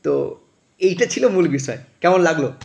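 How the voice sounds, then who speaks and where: A man's voice: a little high, animated, normal speed, vocal fry. Man spelling words in a patient class. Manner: frequent thinking fillers. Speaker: English teacher. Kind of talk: spoken class explanation.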